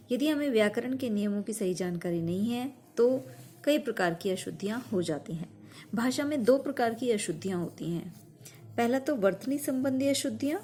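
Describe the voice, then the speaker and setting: Mellow-voiced woman teaching grammar. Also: medium pitch. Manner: patient, slow and emphatic on examples. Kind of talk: explaining grammar to children.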